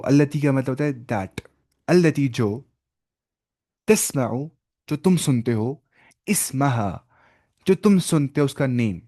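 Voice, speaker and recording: A man teaching an online Arabic lesson, saying each word slowly and repeating it with patient explanations. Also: medium pitch, darkish tone.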